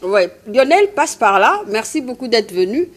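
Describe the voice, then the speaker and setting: A woman's voice: on the high side, very animated, moderate pace. A woman with a Congolese French accent, hosting a radio show in a chatty, friendly way, introducing guests. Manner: friendly, chatty, laughs often. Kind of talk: casual hosting chat.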